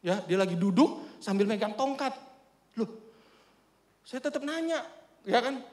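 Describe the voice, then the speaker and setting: A man preaching, telling a lively, humorous story to his congregation. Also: extremely high pitch, a little slow. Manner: animated, humorous, addresses congregation often. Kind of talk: storytelling sermon. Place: church hall. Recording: echoey church hall.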